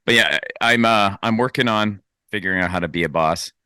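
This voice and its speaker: Bright-voiced, rambling man, close mic. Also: lowish voice, brisk, clean tone, dry recording. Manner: rambling, hesitant, laughing often. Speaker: podcast host. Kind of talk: casual chat.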